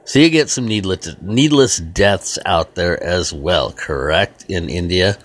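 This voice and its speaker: A man's voice: low-pitched, expressive, unhurried, fairly bright tone. A man hosting a casual talk show, talking in a rambling way with many false starts. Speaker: host. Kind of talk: casual chat.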